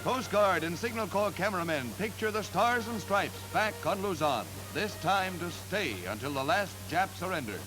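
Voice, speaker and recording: A man narrating war footage in brisk, emphatic 1940s newsreel style, with old newsreel sound. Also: sits high, lively intonation, low-quality recording. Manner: brisk, emphatic announcer delivery. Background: loud music.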